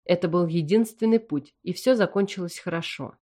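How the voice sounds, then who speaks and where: A woman's voice: lowish voice, normal speed, lightly acted. Woman voicing a tired young alien nobleman. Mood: weary. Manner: tired, calm, reasoning. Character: weary young alien nobleman, dutiful son. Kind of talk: audiobook character voice.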